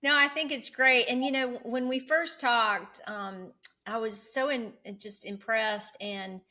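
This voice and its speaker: A woman's voice: fairly high pitch, fairly even intonation, unhurried, pushed and bright. A woman hosting an interview podcast, asking questions and encouraging her guest with short backchannels. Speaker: podcast host. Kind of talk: interview host.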